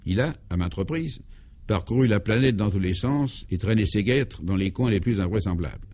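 A man narrating a comic radio serial in a droll, mock-solemn way, dropping his voice low on the punchlines. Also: expressive, moderate pace, darkish tone.

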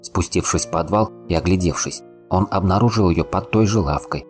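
A man narrating an audiobook in a calm, unhurried reading. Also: low voice, faint music behind. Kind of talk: scripted narration.

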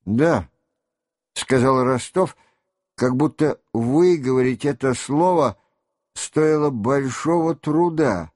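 A man narrates an audiobook at a very unhurried pace, his voice sitting a little higher than most. The recording is dry and close, with no room sound. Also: darkish tone, no echo. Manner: slow, measured reading. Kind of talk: scripted narration.

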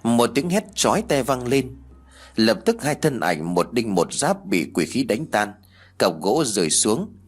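Husky male horror story narrator. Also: mid-range voice, measured pace, faint music behind. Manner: dramatic, expressive storytelling.

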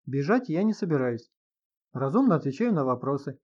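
A man's voice: fairly high pitch, very animated, fairly quick, a little mellow, muffled recording. A man voicing an irritable, suspicious middle-aged husband who gets agitated and sarcastic in an audiobook reading. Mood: guarded.

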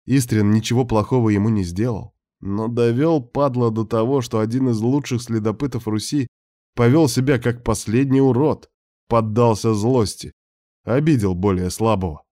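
A man narrating an audiobook in a steady, measured reading. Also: medium pitch, no echo, studio quality. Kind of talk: scripted narration.

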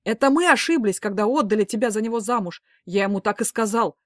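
A woman voicing an angry, protective middle-aged father who talks in loud, blustering outbursts. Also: medium pitch, brisk, dry recording, clean studio sound, close to an everyday voice. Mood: indignant.

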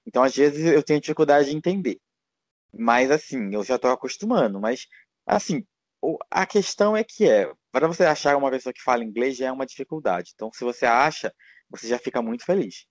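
A man's voice: mid-range voice, animated, brisk, no echo. Rambling Brazilian man, dry sound. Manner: rambling, many fillers and restarts. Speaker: guest, teacher living abroad. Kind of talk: casual interview chat.

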